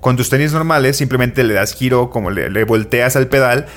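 Speaking at medium pitch and a fairly quick pace, a Mexican-accented man co-hosting a podcast spins a long, casual story. He uses slang and often restarts his sentences.

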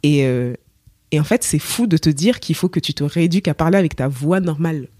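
A woman's voice: sits low, brisk, mellow, no echo, studio quality. A woman from Cameroon, a singer, telling her story in a casual interview and acting out the voices she quotes. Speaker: singer, podcast guest.

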